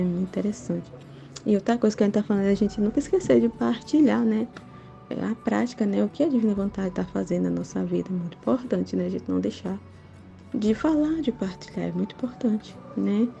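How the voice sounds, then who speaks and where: A woman's voice: mid-range voice, creaky, dark tone, muffled recording. A middle-aged woman sharing a religious testimony in a casual, earnest, rambling way, tagging nearly every sentence with a questioning "né?". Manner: repeats "né?" often, earnest and rambling.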